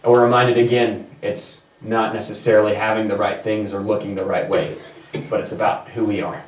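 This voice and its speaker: A man's voice: fairly low pitch, flat delivery, fairly quick. A man leading a playful church talk, joking back and forth with the congregation. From not Scotland. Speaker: church leader giving a children's talk. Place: church hall. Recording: roomy church sound from a distance.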